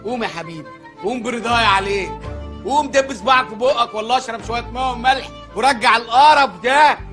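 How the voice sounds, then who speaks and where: A man's voice: very high voice, fast, bright, forceful tone. An actor with an Egyptian accent playing a devout middle-aged father who owns a chicken shop, scolding and pleading in a comedy sketch. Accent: Egyptian Arabic. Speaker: comic actor. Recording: faint music behind.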